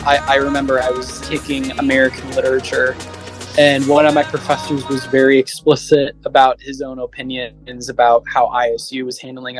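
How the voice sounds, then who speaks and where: A young man, a college student, giving a measured, earnest interview answer. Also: mid-range voice, rough recording.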